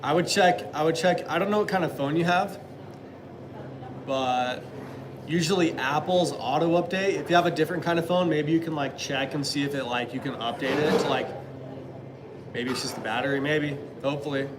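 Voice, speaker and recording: A man's voice: a little high, moderate pace, noisy background. A man in his thirties chatting casually on a live stream, answering viewers with rambling, hesitant talk full of fillers and restarts. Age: 30s.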